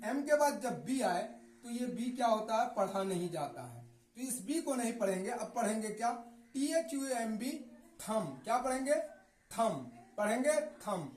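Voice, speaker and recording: Higher-pitched woman teacher, drilling questions. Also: darkish tone, echoey room, poor audio. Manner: drills with repeated questions and answers. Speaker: English teacher. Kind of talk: classroom-style lesson.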